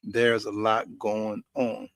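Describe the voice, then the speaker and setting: Out in a quiet backyard, this American man runs a rambling cooking and chat live stream at his grill, repeating folksy phrases for emphasis. He speaks slowly in a fairly low, monotone yet fairly bright voice, recorded clean with no room sound.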